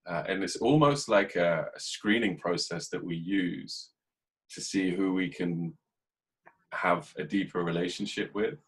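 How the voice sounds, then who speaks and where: An English man hosting a podcast, talking in a casual, reflective way and keeping a dry, even tone even when he jokes. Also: low-pitched, a little slow, breathy edge, poor audio. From England. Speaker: podcast host. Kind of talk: casual conversation.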